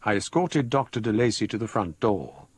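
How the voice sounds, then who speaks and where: Gentleman narrator, lively low voice, dry close sound, measured, literary. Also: slightly rough, no room sound. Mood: composed. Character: composed gentleman recounting his ghostly tale. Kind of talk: scripted first-person drama narration.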